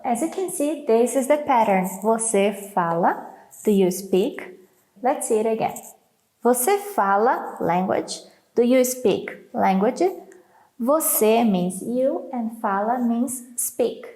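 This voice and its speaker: A woman with a Brazilian accent teaching a language lesson, repeating each word slowly and carefully for learners. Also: fairly high pitch, animated, warm tone, echoey room. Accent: Brazilian Portuguese. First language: Portuguese. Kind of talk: slow, clear language lesson.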